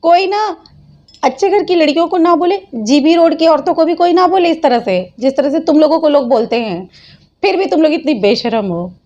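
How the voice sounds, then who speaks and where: A woman's voice: high-pitched, lively intonation, moderate pace, warm tone, highs cut off. A woman hosting her own channel, scolding and mocking people in reaction commentary and laughing often. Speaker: channel host.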